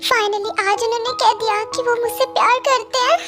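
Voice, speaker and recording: A woman voicing a feisty young college girl who scolds in a sharp-tongued way in a voiced story reading. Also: extremely high pitch. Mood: dreamy.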